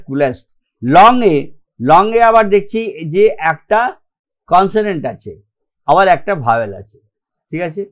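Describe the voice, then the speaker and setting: Male grammar teacher, Bengali accent, higher-pitched voice, patient step-by-step explainer. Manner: explains step by step, often checks with "okay?"; mixes English terms into his explanations. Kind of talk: online grammar lesson.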